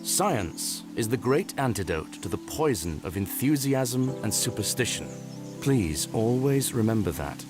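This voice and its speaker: A man voicing a stern but gentle father in a video game, a rational man of science, lecturing earnestly and with measured words. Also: lowish voice, very animated, music in the background. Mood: solemn, lecturing. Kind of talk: dramatic video game voice acting.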